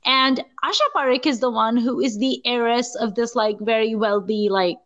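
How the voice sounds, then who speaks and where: A woman's voice: a little high, normal speed, dull audio. A woman co-hosting a podcast, animatedly retelling a film plot in casual chat, full of "like" and fillers. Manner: animated storytelling, frequent "like". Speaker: podcast co-host.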